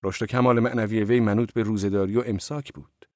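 A male narrator reading a first-person audiobook in a low, even voice. His delivery is measured and calm, recorded dry and close. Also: no room sound.

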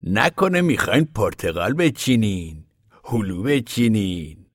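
A man voicing a bitter, ragged older drifter who talks slowly, quietly and slyly in an audiobook reading. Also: sits low, no room sound, clean studio sound. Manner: slow, quiet, drawn-out, sly.

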